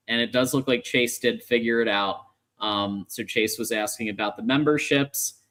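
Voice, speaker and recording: A man's voice: fairly low pitch, fairly bright tone. A man hosting a casual livestream sports show with upbeat, conversational patter.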